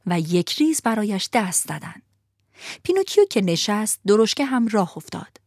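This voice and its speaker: Expressive woman reading a storybook. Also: mid-range voice, no room sound, studio quality. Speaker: narrator. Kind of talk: storybook narration.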